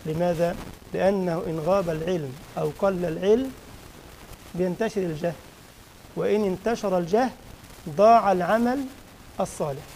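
A man with an Egyptian Arabic accent teaches a religious lesson in a mosque. His voice sits high and carries a rough, gravelly edge. He keeps the lesson lively by asking his listeners questions. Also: slight background noise, rough recording.

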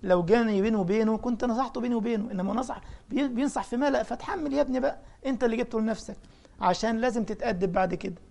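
Fast-talking Egyptian preacher, gravelly voice. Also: male voice, very high-pitched. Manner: animated storyteller, acting out dialogue. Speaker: preacher and imam. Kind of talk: storytelling religious talk.

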